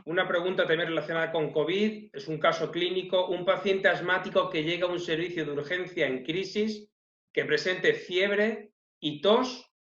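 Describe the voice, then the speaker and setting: Male webinar moderator, calm, fairly high voice, in an echoey room. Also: normal speed, muffled recording. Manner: calm, brief acknowledgements. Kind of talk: reading out audience questions.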